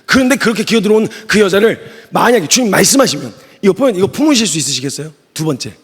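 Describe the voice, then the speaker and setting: Male missionary preacher, high husky voice, lively and joking, acts out lines, big church hall with long reverb. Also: very fast. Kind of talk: sermon at a youth retreat.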